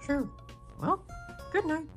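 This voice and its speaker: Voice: sits high, expressive, slow pace, music in the background, pitched above the performer's own voice. A performer voicing Mario as a sleepy grown man who is easily spooked and who bickers and complains, in a homemade comedy skit with toys. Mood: relieved.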